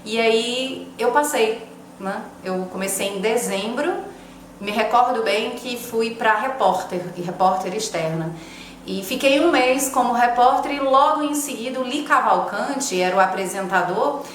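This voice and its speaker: A woman's voice: a little high, unhurried. Woman in her forties in an echoey room. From Fortaleza, Brazil. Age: 40s. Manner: conversational, recounting step by step. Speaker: TV presenter and former reporter. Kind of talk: documentary interview testimony. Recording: echoey room, faint hiss.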